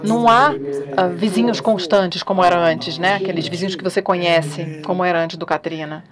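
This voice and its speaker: A woman giving an academic talk at a panel, speaking in a measured way and pausing often with fillers. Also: fairly low pitch, steady tone, a crowd in the background.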